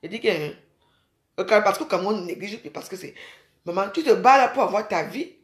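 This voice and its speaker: A woman's voice: mid-range voice, expressive, fairly quick, reverberant. A woman from Cameroon, rambling casually to her viewers and calling them sisters. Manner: chatty, addresses viewers as sisters. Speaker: vlogger.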